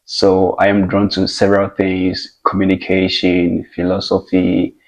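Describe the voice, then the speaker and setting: A young man from Ghana, a guest in a casual interview, speaking in a measured, reflective way with many hesitations. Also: low-pitched, completely flat delivery. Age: young adult.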